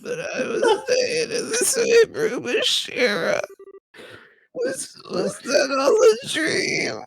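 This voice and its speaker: A perky tomboy teen girl with a lazy surfer-bro drawl, as a man puts her on. She swoops up and down in pitch and drags her words out slowly. Her tone is bright, with a gravelly edge. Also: wildly swooping pitch, full character voice, rough recording. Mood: panicked. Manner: breezy surfer-bro drawl, cries out dramatically. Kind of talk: live game dialogue reading.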